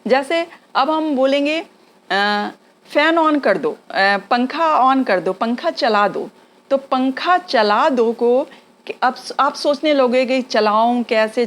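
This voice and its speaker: A woman teaching spoken English, slowly repeating example phrases for learners to copy. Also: sits high. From India. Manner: slow drilled repetition of example phrases.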